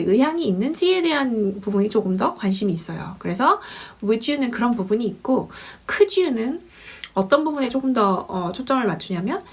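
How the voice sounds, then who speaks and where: A woman teaching an English lesson, repeating example sentences slowly and clearly. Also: on the high side. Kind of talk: language lesson.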